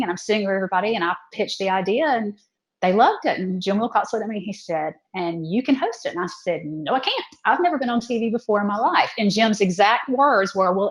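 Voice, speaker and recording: A woman's voice: medium pitch, poor audio. A woman, telling her story in a casual interview and acting out quoted lines. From South Georgia, USA. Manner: lively storyteller who acts out quoted lines. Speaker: TV cooking show host, guest.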